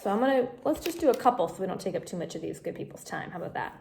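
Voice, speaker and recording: Woman craft instructor, mid-pitched with a gravelly edge, patient step-by-step explaining, home phone-camera setup. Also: sing-song, racing, heavy background noise. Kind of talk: casual home craft tutorial.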